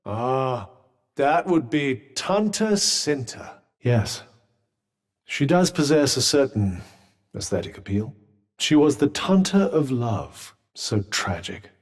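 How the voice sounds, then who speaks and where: An actor with a British accent voicing an urbane, dry-witted, sardonic magic cuff in a video game, speaking in a formal, articulate way. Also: male voice, mid-range voice, sing-song, slow pace. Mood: grave, wry exposition. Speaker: video game companion character. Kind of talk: scripted game dialogue.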